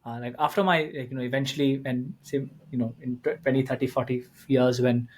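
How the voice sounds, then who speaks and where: Man, from India, thirties, podcast host, relaxed, rambling, filler-heavy, mid-range voice. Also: mid-range voice, a little fast. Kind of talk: casual conversational interview.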